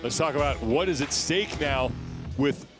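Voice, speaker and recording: A man giving live play-by-play commentary who calls the action and rises to shouts on big lifts. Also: fairly high pitch, moderate pace, music in the background.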